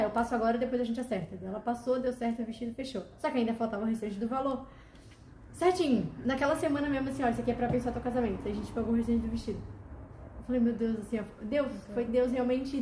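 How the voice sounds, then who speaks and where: A woman telling a personal story in a casual, animated way, acting out the dialogue as she goes. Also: on the high side, echoey room, slight background noise. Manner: animated, emotional retelling with quoted dialogue. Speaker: guest telling her testimony.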